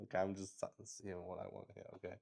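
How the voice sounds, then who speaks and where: In an excitable, offhand narration, a man hosting a one-person roleplaying game improvises, pausing, repeating himself and cursing mildly. He speaks with a deep voice and vocal fry.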